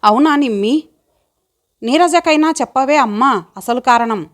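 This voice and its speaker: A woman's voice: high voice, unhurried. Woman reading as an affectionate young woman friend. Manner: affectionate, coaxing. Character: warm caring young woman, loyal friend.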